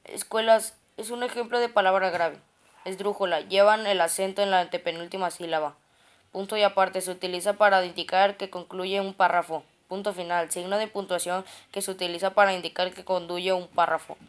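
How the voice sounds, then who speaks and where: Woman, clear smooth voice, reads grammar notes aloud term by term, stumbles and restarts often. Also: medium pitch, fairly even intonation, fairly quick. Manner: reads a list of terms and definitions, with frequent restarts on words.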